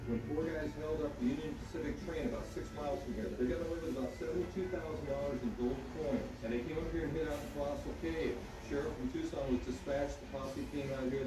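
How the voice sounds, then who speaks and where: A man's voice: a little high, noisy background. A man guiding a tour group inside a cave, telling its history as a story, his voice ringing with cave echo. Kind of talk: guided tour talk. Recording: echoey cave, voice from far off, music over it.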